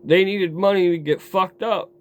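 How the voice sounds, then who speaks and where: A man telling a raw personal story to his camera in a rambling, profane way, dropping low and quiet, then flaring into heated outbursts. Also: fairly even intonation, normal speed. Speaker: vlogger. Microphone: camera mic.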